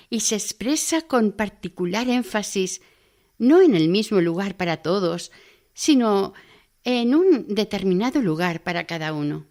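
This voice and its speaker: A woman voicing a learned man who patiently teaches about prayer, in a calm, reverent, instructive tone. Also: mid-range voice.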